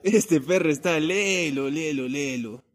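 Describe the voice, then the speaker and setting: A man's voice: on the high side, a little slow, lightly acted. A man voicing a cocky, teasing cat in a children's audio story, bossy and mocking in tone.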